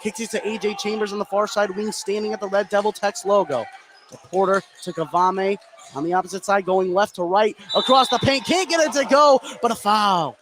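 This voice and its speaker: A man calls a basketball game live from inside a high school gym, his voice sitting high and moving fairly quickly as his delivery builds with the action. He's the play-by-play announcer, and the recording is clearly noisy with gym sounds all around.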